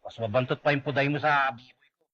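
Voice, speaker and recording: A woman's voice: a bass voice, steady tone, fast talker, highs cut off, noisy background. A woman playing a fierce, crude, scolding older woman.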